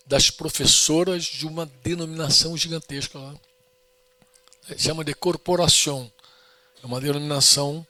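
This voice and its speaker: A man's voice: fairly high pitch, sharp tone, no room sound. A middle-aged man with a Brazilian Portuguese accent preaching a sermon in an earnest, storytelling way, often asking the congregation to say amen.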